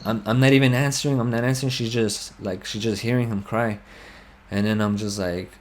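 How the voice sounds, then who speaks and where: A man's voice: fairly low pitch, steady tone, brisk, slight background noise. Young man ranting, profane and rambling. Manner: rambling, profane, heated storytelling. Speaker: gamer telling a personal story. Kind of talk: casual chat over game voice chat.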